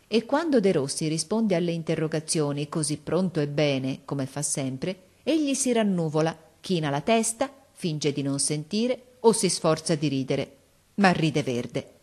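A woman narrating an audiobook of a classic novel in an expressive, measured storytelling voice. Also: on the low side.

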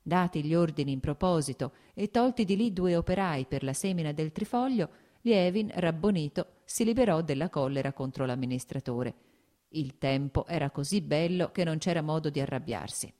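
A woman narrating an audiobook in a measured, even literary reading. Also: low voice. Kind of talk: scripted narration.

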